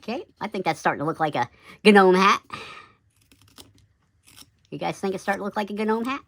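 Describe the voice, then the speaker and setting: Doubled in speed until he sounds like a chipmunk, this carving teacher's voice is high, brisk, gravelly and fairly bright in a dry recording. He chats loosely through each step of his woodcarving, tossing in homespun bits like "oop" and "yep."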